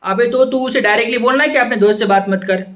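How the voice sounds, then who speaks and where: A man's voice: very high-pitched, quick pace. A man playing a young best friend who answers with short, teasing replies in a comedy sketch. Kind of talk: Hindi comedy sketch dialogue.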